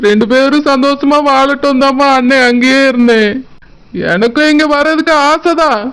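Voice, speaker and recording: A woman's voice: high-pitched, moderate pace, fairly bright tone, low-quality recording. A woman voicing an angry, protective elder brother in a village cartoon, with a Tirunelveli Tamil accent. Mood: remorseful. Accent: southern Tamil Nadu (Tirunelveli). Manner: threatening, scolding, then remorseful. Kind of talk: cartoon voice acting.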